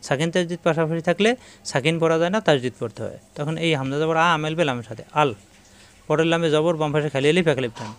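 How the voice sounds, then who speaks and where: A man teaching an online Quran lesson, spelling words letter by letter and chanting slow examples. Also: a little high, clear, resonant tone. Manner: chants the call to prayer slowly in demonstration.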